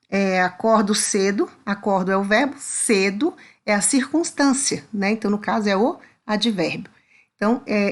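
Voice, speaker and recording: Woman, teacher, patient step-by-step explainer, slightly high voice. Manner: patient, explanatory, checks understanding often. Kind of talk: video lesson on word meanings.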